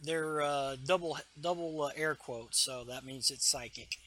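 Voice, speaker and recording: Co-hosting a casual podcast chat, a man animatedly retells a comic book scene and acts out its characters. His voice sits on the high side, pushed and bright, at a measured pace.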